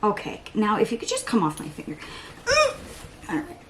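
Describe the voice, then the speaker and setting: A woman's voice: mid-range voice, expressive, moderate pace, slight background noise. A woman in her thirties chatting casually while doing her makeup at home, rambling and talking to herself. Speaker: beauty vlogger. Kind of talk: casual get-ready-with-me chat.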